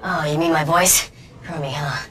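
A woman's voice: deep voice, moderate pace, noisy background, close to an everyday voice. A woman voicing a blunt, flustered teenage football jock with a girlish, pixie-like voice in a TV teen comedy.

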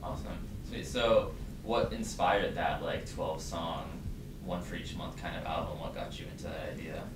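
A young man hosting a casual student TV interview, asking questions in a relaxed, drawn-out way. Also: low voice. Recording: echoey distant room mic with noise.

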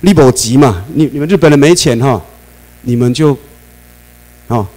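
A man with a Taiwanese Mandarin accent lectures a class in an animated way, throwing questions at his listeners and laughing between points. His voice sits at an ordinary middle pitch, and a steady mains hum runs under the recording. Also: normal speed, low-quality recording.

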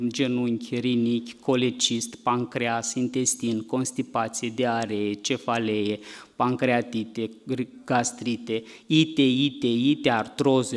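A middle-aged man, a doctor, giving a lively health lecture to a church congregation, asking the audience questions and acting out cries. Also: fairly high pitch. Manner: animated, asks the audience questions, acts out cries.

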